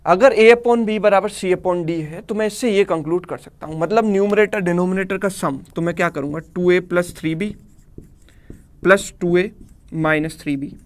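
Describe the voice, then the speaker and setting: A man's voice: high-pitched, moderate pace. A man teaching a live online math class in Hindi mixed with English in an Indian accent, explaining step by step and checking in with students.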